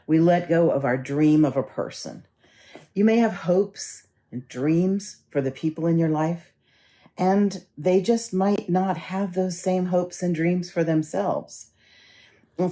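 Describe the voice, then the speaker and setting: Woman minister, low and mellow voice, easygoing storyteller's sermon delivery. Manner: conversational storytelling, gently instructive.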